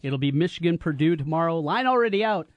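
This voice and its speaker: A man's voice: fairly high pitch, expressive, fast talker, no room sound, muffled recording. A man speaking as a sports radio host, in talk and ad reads.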